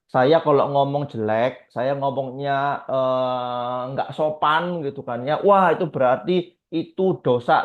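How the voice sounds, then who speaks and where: A man preaching a conversational sermon, asking his listeners rhetorical questions and often tagging his sentences with short fillers. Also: fairly high pitch. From Indonesia. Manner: asks rhetorical questions, frequent filler tags. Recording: tinny phone-like audio.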